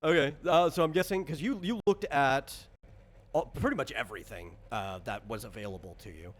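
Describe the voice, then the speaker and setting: A man of medium pitch speaks a little quickly, hosting a casual tabletop character creation discussion as the game designer. His explanations ramble, with frequent self-corrections. The clip is an online voice call recorded on a computer, with clear background noise on the chat.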